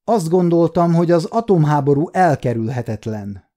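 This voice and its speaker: A man's voice: a little high, expressive, voice pushed up. A man doing a furious savage prisoner. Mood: aggressive. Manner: aggressive, shouting, breathless outbursts.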